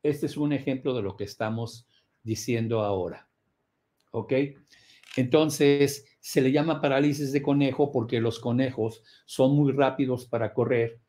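A man's voice: medium pitch, steady tone, a little slow. Middle-aged man, prosperity course teacher, emphatic lecturing, mid-range voice. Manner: emphatic, rhetorical questions, acts out scenes with loud cries. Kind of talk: motivational lecture.

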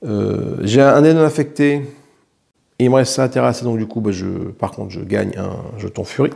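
A man's voice: lowish voice, normal speed, creaky, a little mellow. A man with a French accent playing a solo board game, thinking aloud as he counts dice and swears lightly at bad rolls. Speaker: board game player narrating his solo play.

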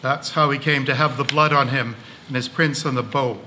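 A man playing a brisk police officer asking curt, direct questions on a live stage. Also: mid-range voice, fairly even intonation, sharp tone, slight background noise. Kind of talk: amateur stage play.

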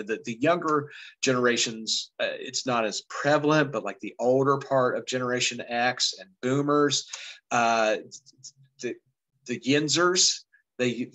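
A man's voice: mid-range voice, a bit bright, low-quality recording. A man from West Virginia teaching a casual grammar lesson in a conversational, rambling way. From West Virginia, United States.

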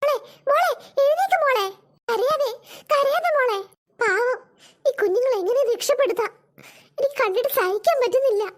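A woman's voice: very high voice, animated, moderate pace, long pauses. A woman voicing a kind, worried woman in a cartoon, murmuring anxiously and soothing the children. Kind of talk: cartoon voice acting.

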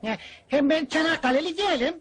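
An actor playing a naive, easily fooled young goalkeeper in a 1970s film comedy, speaking meekly with bewildered mumbles. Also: male voice, very high-pitched, quick pace. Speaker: hired goalkeeper. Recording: noisy old film soundtrack with crowd.

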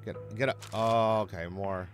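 A man's voice: fairly low pitch, steady tone, moderate pace, music in the background. A man hosting a gaming channel, giving chatty let's-play commentary, talking to himself and the enemies and swearing when he gets hurt.

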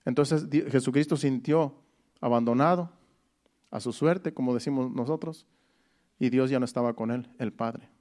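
A man's voice: mid-range voice, normal speed, dark tone. A man preaching a Sunday sermon. He explains each verse step by step, restating it in plain words and often repeating phrases.

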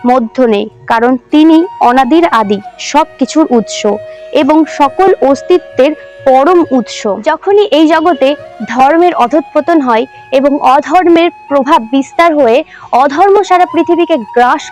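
A woman hosting a devotional channel, earnestly explaining religious terms and slowly reciting Sanskrit verses. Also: high-pitched, darkish tone. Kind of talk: religious teaching talk. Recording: faint background music.

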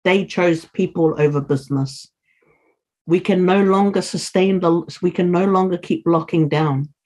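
A middle-aged woman with a deep, darkish voice speaks earnestly as a guest on a video call, urging listeners on in interview fashion. The audio quality is poor.

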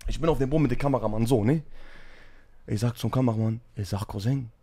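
A man telling a story in casual chat, animated and full of slang fillers. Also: medium pitch, fast. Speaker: guest telling a story on a stream.

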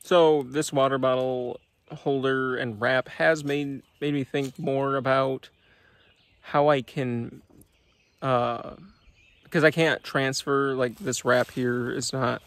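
Gravelly young man rambling in the woods. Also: medium pitch, dry recording. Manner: rambling, many fillers and restarts. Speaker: small business owner. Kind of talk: casual vlog talk. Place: woods outdoors. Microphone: phone at arm's length.

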